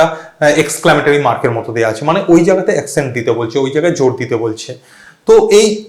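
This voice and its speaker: A man's voice: on the high side, echoey room. A man giving a spoken English lesson, explaining step by step and spelling words out. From West Bengal. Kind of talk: instructional talk to camera.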